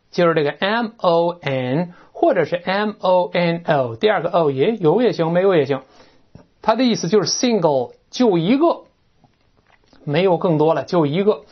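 Animated teacher walking thru vocab, voice jumps all over, kinda muffled lo-fi audio. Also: medium pitch. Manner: animated, chatty, imitates sounds, often asks "right?". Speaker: English teacher. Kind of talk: classroom-style lecture on vocabulary. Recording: dull lo-fi recording.

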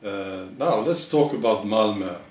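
Slow deadpan man in an echoey room. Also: on the low side. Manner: deadpan, halting, mock-earnest. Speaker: satirical news presenter. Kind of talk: deadpan parody news monologue. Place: living room with bare walls, indoors. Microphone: camera a few metres away. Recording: echoey room, distant microphone.

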